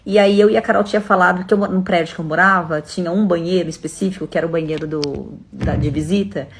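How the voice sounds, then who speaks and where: A woman's voice: lowish voice, fairly even intonation, quick pace, background noise. A middle-aged Brazilian woman telling a personal story to her viewers in a chatty, direct way. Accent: Brazilian Portuguese. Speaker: storyteller vlogger. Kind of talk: casual storytelling to camera.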